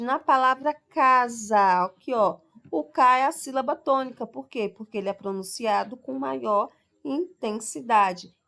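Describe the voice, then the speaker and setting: A Brazilian woman teacher records a lesson for sixth graders, explaining step by step, slowly drawing out each example word, and often checking in with "tá?" and "ok?". Her voice is on the high side, fairly bright, with vocal fry.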